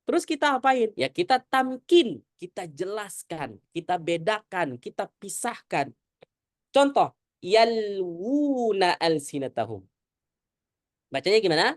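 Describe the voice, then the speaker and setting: A woman teaching Quran recitation in an online lesson over a video call, animated, often asking whether students understand and reciting Arabic slowly. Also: medium pitch, no room sound, studio quality.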